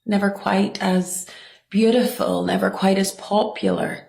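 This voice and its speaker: A woman giving a soft motivational monologue in a repetitive, soothing cadence. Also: medium pitch, fairly even intonation, measured pace, vocal fry. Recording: roomy echo.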